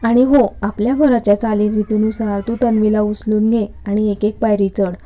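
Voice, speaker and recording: A middle-aged mother calmly giving instructions, read aloud by a woman. The tone is dark and mellow, with an even, flat delivery. It sounds like a storybook reading. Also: medium pitch, normal speed, close to an everyday voice. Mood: instructing.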